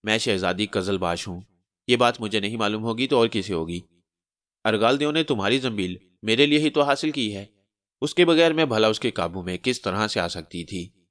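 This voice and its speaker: A man's voice: fairly low pitch, expressive, moderate pace, a bit bright, no echo, studio quality. A man voicing a ghostly shadow princess who speaks solemnly with sighs. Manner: solemn, sighing.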